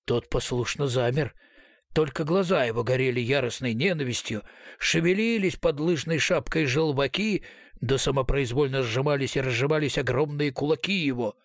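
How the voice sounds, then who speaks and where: A man narrating an audiobook in a measured, steady reading style. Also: mid-range voice, no room sound, clean studio sound. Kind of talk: scripted narration.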